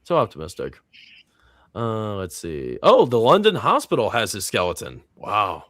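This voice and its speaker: A man's voice: on the low side, wildly swooping pitch, moderate pace, a bit bright, no echo, clean studio sound. A man hosting a casual live movie reaction stream. He reads viewer comments aloud and rambles with plenty of fillers. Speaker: host of a movie reaction panel.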